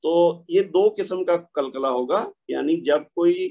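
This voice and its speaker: A man's voice: a little high, vocal fry, darkish tone. A man teaching a recitation lesson, patiently explaining rules, asking questions and answering them himself, and sounding out examples. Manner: patient, asks and answers his own questions. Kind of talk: tajweed lesson, explaining and modeling pronunciation.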